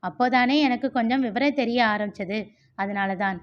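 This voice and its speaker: A woman reading the part of a gentle, reflective young man in a storybook, talking softly and confidingly. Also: fairly high pitch, normal speed, lightly acted. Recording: muffled lo-fi recording.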